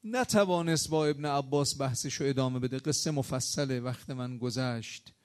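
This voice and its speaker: A man's voice: medium pitch, clear, resonant tone. A man preaching a sermon on religious history. He tells the stories with rising emphatic outbursts and rhetorical questions, and he voices the quoted figures in his own tone.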